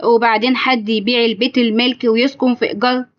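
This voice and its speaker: Storybook: narrator voices sorrowful aging Egyptian mother, fast and a bit high. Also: steady tone, dull audio, lightly acted. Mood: grieving. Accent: Egyptian Arabic. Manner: sorrowful, reproachful. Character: weary aging mother, sad and wounded.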